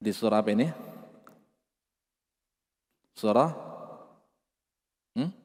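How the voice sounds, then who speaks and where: A man with an Indonesian accent teaching Quran recitation rules, patiently explaining and slowly chanting drawn-out example words. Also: lowish voice, darkish tone, in a large hall. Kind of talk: tajwid lesson with chanted examples.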